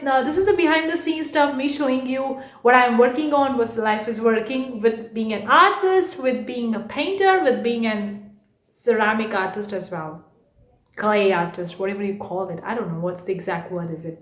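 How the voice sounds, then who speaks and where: Woman, higher voice, casual vlog chat, rambling, echoey bedroom. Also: fairly bright tone. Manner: chatty, rambling, frequent "guys"; says she speaks too fast. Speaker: art vlogger and online entrepreneur. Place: her bedroom.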